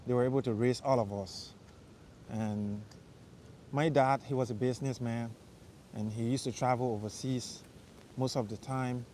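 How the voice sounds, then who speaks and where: A young Liberian man hosts a live stream while walking city streets at night, rambling casually and answering viewers' questions. His medium-pitched, darkish voice keeps a fairly even intonation at a moderate pace, broken by long pauses, with faint traffic noise behind him.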